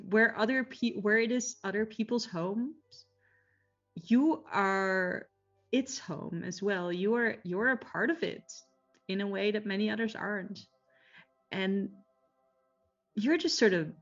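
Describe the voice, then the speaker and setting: Slow-paced woman narrating a tabletop game. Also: mid-range voice, highs cut off. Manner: musing, halting storytelling. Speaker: game master.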